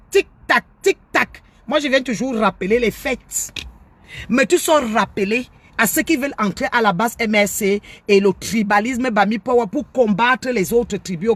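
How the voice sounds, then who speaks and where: A woman's voice: a little high, husky, no echo. A woman from Cameroon, giving an angry, lecturing monologue as a life coach and hammering her points home again and again. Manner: scolding, lecturing, combative, repeats her points.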